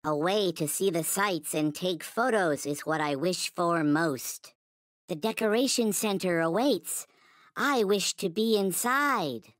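A man's voice: high voice, slow, fairly bright tone, no room sound, clean studio sound. A man voicing a small, polite, earnest toy alien from a video game, speaking in formal, stilted, backwards-ordered phrases. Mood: solemn, earnest. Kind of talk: video game character lines.

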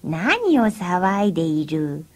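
A woman voicing an old Buddhist priest who speaks slowly and calmly in a low, half-whispered voice. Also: background noise.

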